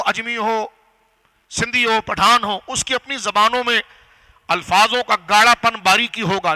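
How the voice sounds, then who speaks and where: A man preaching a religious lecture to a gathering, teaching step by step, asking the audience questions and slowing down on key phrases. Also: high-pitched, sharp tone, poor audio. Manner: didactic, rhetorical questions to audience. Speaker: Islamic scholar and preacher. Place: gathering hall.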